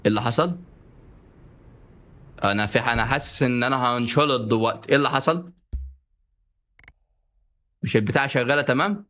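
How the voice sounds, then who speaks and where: Fast-talking excitable Egyptian gamer man. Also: medium pitch. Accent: Egyptian Arabic. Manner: excitable, jokey, bursts into panicked repeated shouts. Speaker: gaming YouTuber. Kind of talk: let's-play gameplay commentary. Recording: game music playing underneath.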